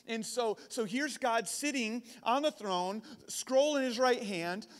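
A man's voice: very high voice, measured pace. A man giving a casual youth sermon, often repeating words as he builds his points. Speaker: camp speaker. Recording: long hall reverb.

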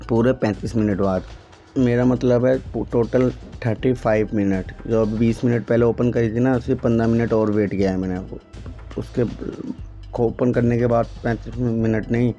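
Male colourist, mellow monotone tutorial read, muffled sound with soft music under it. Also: medium pitch. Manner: explanatory, repeatedly addresses viewers as guys. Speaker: hair colourist, channel host. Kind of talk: hands-on tutorial narration. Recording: dull lo-fi audio with faint music.

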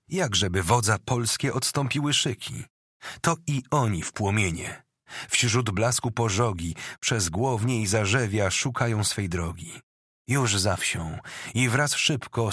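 A man's voice: fairly low pitch, fairly bright tone, slightly rough, no echo, clean studio sound. A man reading epic verse aloud as an audiobook narrator, declamatory and rhythmic.

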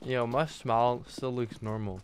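A man's voice: mid-range voice, fairly even intonation, moderate pace. A young man groggy from anesthesia after dental surgery, casually commenting on a game he is playing and joking with teammates. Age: young adult. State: groggy from anesthesia after wisdom teeth removal. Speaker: game streamer. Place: small room at home. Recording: clear gunfire and clicking noise behind.

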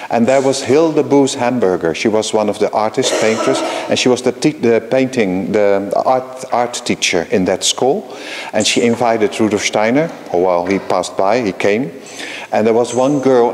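A man's voice: medium pitch, a little mellow. Man lecturing in a reverberant hall. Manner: halting, with frequent restarts and repeated words; explains patiently, checks in with the audience. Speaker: keynote lecturer. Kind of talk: live conference lecture. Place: conference hall.

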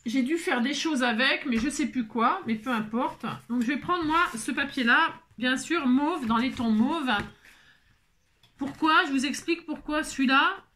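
A woman's voice: high-pitched, a little slow, pushed and bright. A woman hosting a casual crafting tutorial, out of breath, chatty and full of fillers and repetitions.

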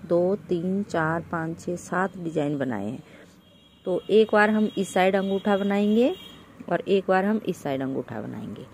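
A woman's voice: fairly low pitch, animated, a little slow, a little mellow, a little hiss or hum. A woman hosting a knitting tutorial, explaining each step patiently, counting stitches aloud, and addressing viewers as friend. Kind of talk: step-by-step craft instruction.

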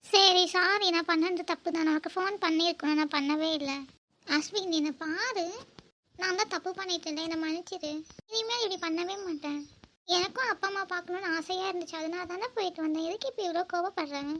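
Woman doing a very high, quick cartoon girl. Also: steady tone, sharp tone, highs cut off, a little hiss or hum. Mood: pleading. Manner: emotional, pleading. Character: young woman student in love, earnest. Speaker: narrator and lead character. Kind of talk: cartoon voice acting.

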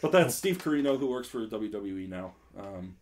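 A man's voice: on the low side, expressive, normal speed, a little mellow, slight background noise. A young man hosting a casual podcast quiz game, laughing often and filling gaps with "um". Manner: laughs often, filler-heavy. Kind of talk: casual chat.

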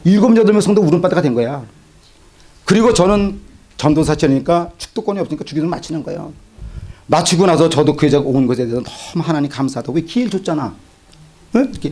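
A man preaching a revival sermon as pastor, swinging between loud exclamations and hushed asides. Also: a little high, lively intonation, fast. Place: church sanctuary.

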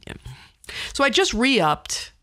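A woman in her fifties hosts a podcast, telling personal stories in a wry, self-deprecating, conversational monologue. Her voice is high, sing-song, pushed, and bright, and she takes it slowly.

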